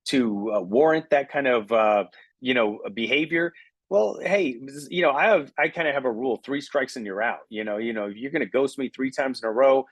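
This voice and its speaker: A middle-aged man giving an energetic coaching talk on recruiting, often checking in with "okay?". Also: mid-range voice, slightly rough, dry recording. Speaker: recruiting trainer. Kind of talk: motivational training talk.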